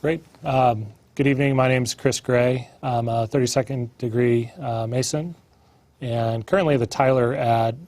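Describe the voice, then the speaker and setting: A man in his thirties from Massachusetts introduces himself on a panel. He sounds friendly and pauses often with "um." The recording is dry and close. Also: mid-range voice, steady tone, darkish tone, no room sound. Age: 30s.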